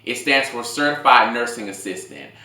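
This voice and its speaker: A man in his late twenties telling a casual, rambling story in slangy, animated talk as a food vlogger. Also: medium pitch, moderate pace. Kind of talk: casual storytime told over a meal. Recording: echoey room.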